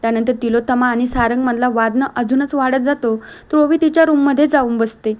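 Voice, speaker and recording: A woman's voice: on the high side, fairly even intonation, a little fast, darkish tone. A woman narrating a casual recap of a TV serial episode, retelling the plot step by step in a chatty way. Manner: chatty, retells plot line by line with frequent connectives.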